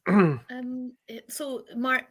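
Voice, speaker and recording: A woman's voice: fairly high pitch, drawn-out words. A woman co-hosting a casual podcast chat, reading out listener comments and chatting about board games. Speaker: podcast co-host.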